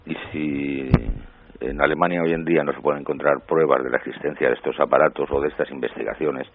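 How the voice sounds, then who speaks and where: A man explaining his research as a radio guest over the phone, in a measured, explanatory way. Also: extremely low pitch, steady tone, narrow, tinny audio, a little hiss or hum.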